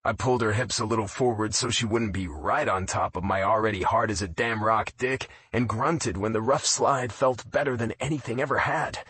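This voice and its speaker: Husky male romance audiobook narrator. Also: moderate pace, few pauses, fairly bright tone, dry recording. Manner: low, intimate first-person reading.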